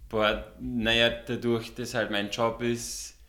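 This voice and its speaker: A man's voice: medium pitch, level tone, takes it slowly, sharp tone, echoey room. A man in his thirties with an Austrian German accent tinged by American English, talking easily as a guest, often repeating words and laughing. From Austria and the USA. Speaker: guest, visual artist. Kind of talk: relaxed interview conversation.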